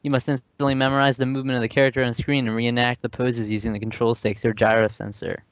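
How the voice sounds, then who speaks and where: A man with a smooth, resonant voice, recorded dry and close. He chats casually on a podcast, reading out gaming news and teasing his co-hosts with upbeat energy. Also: medium pitch, level tone, fast talker, no room sound. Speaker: podcast guest. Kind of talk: casual chat.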